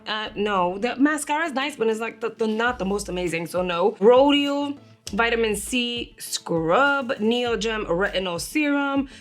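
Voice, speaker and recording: Young woman, slightly higher voice, chatty beauty vlogger, a bit under the weather, Spanish words mixed in. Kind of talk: casual product review.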